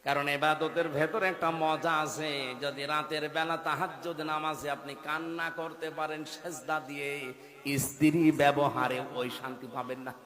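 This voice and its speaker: A man in his thirties preaching a sermon, dropping to low murmurs and rising to loud chanted peaks. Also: level tone, unhurried. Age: 30s. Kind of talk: Bengali waz sermon with chanted passages. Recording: echoey hall with long reverb.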